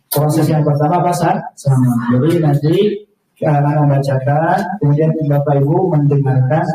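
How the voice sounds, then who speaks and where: Man teaching in a booming echoey hall. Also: dark tone, slight background noise. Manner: patient, asks the class questions and models Arabic sounds. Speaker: Quran teacher. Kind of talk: Quran recitation lesson to adults. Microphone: far from the mic. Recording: very echoey, distant hall recording.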